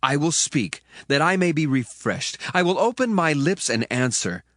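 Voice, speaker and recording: Elihu, earnest young man with animated oratory. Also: fairly high pitch, normal speed, dry recording, studio quality. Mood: impassioned, bursting. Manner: oratorical, emphatic, archaic formal phrasing. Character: earnest young man Elihu, indignant biblical speaker rebuking his elders. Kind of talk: dramatized scripture reading, declamatory.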